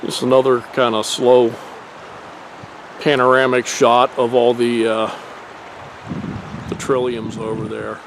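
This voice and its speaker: A man casually narrating a nature hike outdoors by a creek, in a relaxed, rambling way with fillers and mild swearing, recorded on a handheld camera. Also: mid-range voice, slow, pauses often. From Pennsylvania. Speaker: nature vlogger. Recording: faint outdoor noise on a camera mic.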